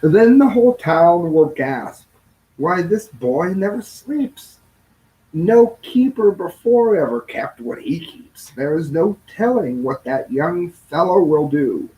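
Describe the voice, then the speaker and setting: Reading a rhyming children's story in a theatrical, sing-song style, this man's voice sits on the high side with big swings in pitch and a slow pace. He draws out phrases, occasionally trips over words, then corrects himself, all on dull-sounding audio.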